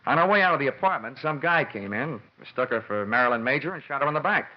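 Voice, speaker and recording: This classic radio detective drama, heard as a muffled old recording with music, features a man as a wry, world-weary insurance investigator. His mid-range voice sounds natural, animated and fast, and his hard-boiled narration stays dry, slangy and confident.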